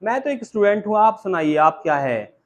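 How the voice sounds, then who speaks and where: A man's voice: sits high, big pitch swings, fairly quick, a little hiss or hum. A man teaching spoken English in a classroom with an Indian English accent, mixing Hindi and English and repeatedly quizzing his students. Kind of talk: classroom lecture.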